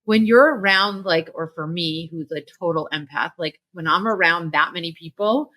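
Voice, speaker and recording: A woman's voice: fairly low pitch, normal speed, bright, forceful tone. A woman podcast co-host in casual chat, joking and self-deprecating.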